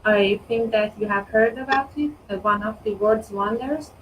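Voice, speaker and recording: A woman from Iran, chatting casually in English on a video call with slow, halting pauses. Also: medium pitch, far from the mic, lo-fi sound, slight background noise. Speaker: conversation club participant. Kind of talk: casual online chat in English.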